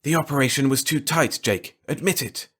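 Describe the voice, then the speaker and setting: A man's voice: medium pitch, normal speed, fairly bright tone, husky, voice pushed up. A man voicing a taunting telepathic voice with an insistent, mocking manner. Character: mocking telepathic voice inside a man's head.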